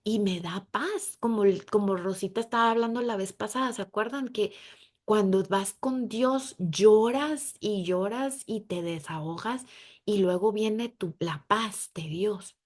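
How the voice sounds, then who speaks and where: A woman's voice: medium pitch, a little slow, darkish tone. A woman giving an earnest, conversational devotional talk to a women's group, acting out prayers and imagined dialogue as she goes.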